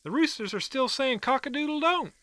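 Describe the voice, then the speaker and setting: A man's voice: very high voice, lively intonation, a little fast, sharp tone, no room sound, full character voice. An actor playing a folksy, easygoing country man who calls in to a radio show, full of colorful sayings. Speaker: caller.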